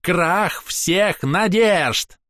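A haughty elf with a ringing voice, pitched well above the reader's own and declaiming every phrase, as a male narrator puts him on. He is grandiose, capricious and full of spite. The reading is dry and close. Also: animated, unhurried, fairly bright tone, no room sound. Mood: indignant. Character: proud theatrical elf man, spiteful and vengeful.

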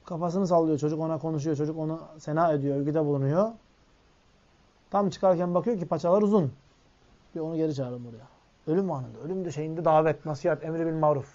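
An Islamic preacher delivers a sermon in a fairly high male voice, reciting Arabic quotations and unpacking them line by line while addressing his audience as friends. He speaks quickly and mellowly, and the recording has a dull, lo-fi quality.

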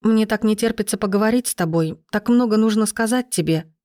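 A woman voicing an anxious young woman on the phone, speaking higher and louder than her narration. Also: a little fast, no echo, studio quality, natural voice. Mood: eager.

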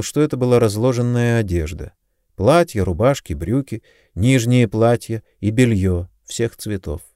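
A man reading an audiobook in calm, measured scripted narration. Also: lowish voice, no echo, studio quality.

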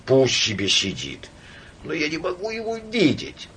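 A man's voice: a little high, wildly swooping pitch, measured pace, fairly bright tone, breathy edge, exaggerated voice. A man voicing a tipsy, fickle young count. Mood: pleading. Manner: rambling, wheedling drunk talk.

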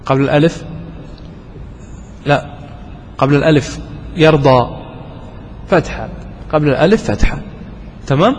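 A man with a somewhat high voice leads a grammar lesson, quizzing his students and going back over each example slowly and deliberately. His voice carries a long hall reverb, with faint background noise underneath. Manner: asks questions, repeats examples slowly. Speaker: teacher.

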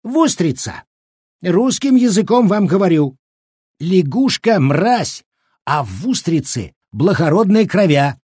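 A man voicing a sly, boastful old Cossack cook with a squeaky, rustic, bickering voice. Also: sing-song, a little slow, a little mellow, husky, no echo, studio quality, heavily acted. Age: older.

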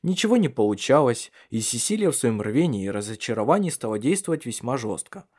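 A man narrating a literary audiobook in measured storytelling. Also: mid-range voice, sing-song, darkish tone.

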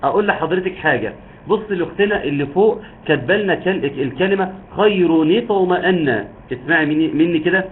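Man, recitation teacher, slightly high voice, patient, tinny phone-like line, faint hiss. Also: expressive, brisk. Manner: patient, explains step by step, stretches out words when demonstrating recitation. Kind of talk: online tajweed lesson.

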